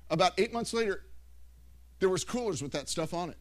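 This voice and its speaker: A middle-aged man preaching a sermon through animated stories, with frequent restarts and self-corrections. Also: sits high, a little fast. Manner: rambling, animated storytelling with many restarts. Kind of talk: anecdotal sermon.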